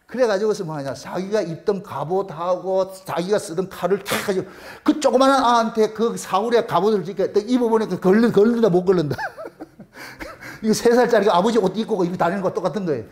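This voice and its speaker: A man preaching a sermon, retelling the story in a colloquial, animated way and voicing the characters. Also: high voice, fairly quick. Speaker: pastor.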